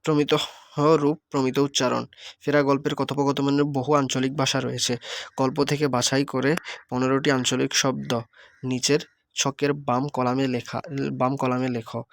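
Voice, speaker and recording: A man from Bangladesh reading a textbook lesson aloud as a teacher, halting with fillers and self-corrections. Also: mid-range voice.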